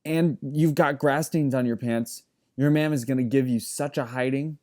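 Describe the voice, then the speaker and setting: Storybook figure: man playing a sharp, piping little girl, bossy and condescending, pitched well up. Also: moderate pace, lightly acted. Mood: disapproving. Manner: disapproving, condescending.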